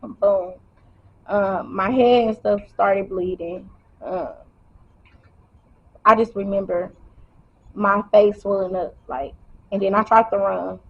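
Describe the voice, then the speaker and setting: A woman's voice: mid-range voice, steady tone, slow pace, pauses often, husky. A woman telling her own story to camera in a casual, emotional way, fighting back tears as she speaks. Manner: emotional, holding back tears, colloquial and direct. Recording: dull lo-fi sound.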